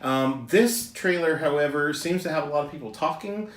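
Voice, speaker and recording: A man's voice: fairly high pitch, normal speed, roomy sound. A man co-hosting a trailer reaction show, chatting casually in a rambling, joking way with lots of ums and uhs.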